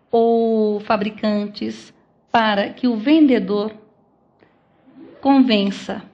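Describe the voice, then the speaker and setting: A woman's voice: medium pitch, highs cut off. Brazilian woman lecturing with rhetorical questions. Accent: Brazilian Portuguese. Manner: explains step by step with rhetorical questions. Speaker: law lecturer. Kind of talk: academic lecture. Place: lecture hall.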